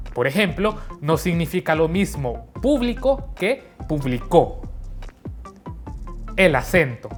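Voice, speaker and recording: A woman narrating a scripted lesson, explaining each point slowly and carefully. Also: fairly low pitch. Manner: slow, carefully spelled-out teaching. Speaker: teacher. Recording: soft background music.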